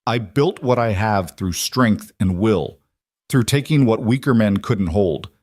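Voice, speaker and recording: A man's voice: on the low side, expressive, measured pace, dry recording, studio quality. A man voicing a ruthless cattle baron. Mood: scornful. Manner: cold and quiet, turning to furious threats.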